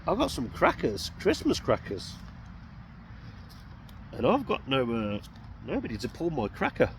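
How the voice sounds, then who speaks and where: Croaky-voiced man rambling at camp. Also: medium pitch, huge pitch swings, measured pace, slight background noise. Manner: rambling, self-mocking asides. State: croaky throat. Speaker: camping vlogger. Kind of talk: casual chat to camera. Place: outdoors at an urban roundabout camp at night.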